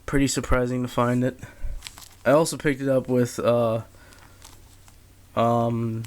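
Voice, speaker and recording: A military surplus collector reviews gear in a casual, unscripted way, speaking haltingly and low-key with frequent pauses. A handheld camera captures him, with steady background noise throughout.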